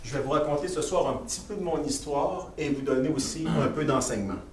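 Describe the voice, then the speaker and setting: A man's voice: fairly high pitch, quick pace, a crowd in the background. Québécois man interpreting live, echoey and distant. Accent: Québécois French. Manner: informal, with stops and self-corrections. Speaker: chaplain interpreting for a speaker. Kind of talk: live consecutive interpreting in informal French. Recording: distant mic in echoey room, faint noise.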